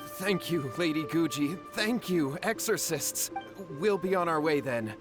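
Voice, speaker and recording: Humble, higher-voiced anxious villager. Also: male voice, expressive, a little slow, over music. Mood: grateful. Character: humble, anxious male villager, protective brother. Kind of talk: video game character acting.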